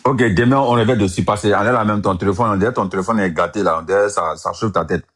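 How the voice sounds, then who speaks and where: A man's voice: on the low side, fast talker, fairly bright tone, soft background music. A man from Côte d'Ivoire, chatting and joking as a guest on a live stream, often slipping into broken English. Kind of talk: casual chat on a live call.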